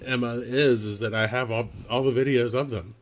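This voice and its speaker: A man's voice: mid-range voice, fairly even intonation, moderate pace. A man talking casually as a guest on a podcast, telling stories and laughing often. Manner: chatty storyteller, laughs often. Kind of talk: casual chat.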